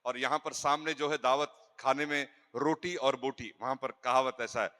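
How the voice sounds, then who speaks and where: A male pastor giving a humorous sermon, telling stories with lively jokes and interjections. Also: medium pitch, moderate pace. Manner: animated storytelling with jokes and interjections. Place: church hall. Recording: echoey church hall.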